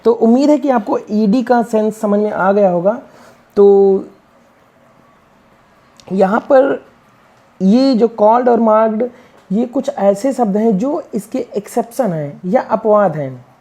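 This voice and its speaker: A woman's voice: medium pitch, takes it slowly, long pauses, mellow. A woman teaching English reading, spelling out words letter by letter and asking and answering her own questions. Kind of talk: classroom-style reading lesson.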